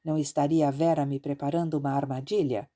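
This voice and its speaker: A woman narrating an audiobook in a measured, expressive reading style. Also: low-pitched.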